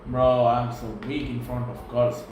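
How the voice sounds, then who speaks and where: A man's voice: mid-range voice, completely flat delivery, measured pace, music in the background. A young man streaming live, talking to strangers in a playful, teasing way with mumbled asides. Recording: very echoey room, faint noise.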